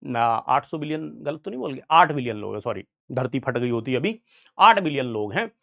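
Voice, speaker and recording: A man's voice: medium pitch, big pitch swings, moderate pace, gravelly, lo-fi sound. A young man teaching biology in an online exam-prep lecture, chatty, keeps checking in with students. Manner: chatty, keeps asking "right, sir?" to students.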